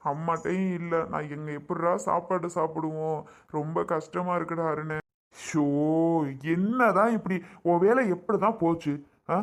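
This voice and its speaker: A high-voiced man acting out a down-on-his-luck family man in a short drama skit. He talks in a pleading, complaining way, as if pouring out his troubles. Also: gravelly.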